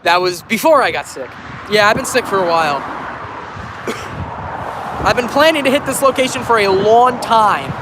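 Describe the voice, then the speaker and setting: Still getting over a cold, a man livestreams from a highway bridge on his phone, casually talking trains with his viewers and frequently correcting or restarting his sentences. His high voice is animated, his speed normal with long pauses, and heavy traffic and wind roar in the background.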